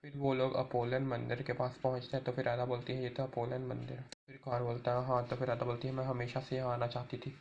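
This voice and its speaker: A man's voice: mid-range voice, completely flat delivery, quick pace, vocal fry, few pauses, darkish tone, lo-fi sound. A man narrating an episode recap, retelling each scene and reading all the characters' lines himself.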